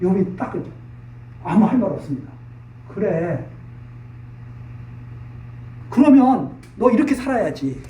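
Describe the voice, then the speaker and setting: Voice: mid-range voice, sing-song, unhurried, pauses often, dark tone, recorded from a distance. A preacher giving an expository Bible sermon, explaining each verse in plain, casual speech and often repeating phrases.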